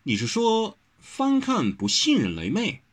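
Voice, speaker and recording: A man's voice: sits high, wildly swooping pitch, unhurried, voice pushed up, exaggerated voice. A man doing an inquisitive young woman, He Xiaohe. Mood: curious. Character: curious young woman of the martial world.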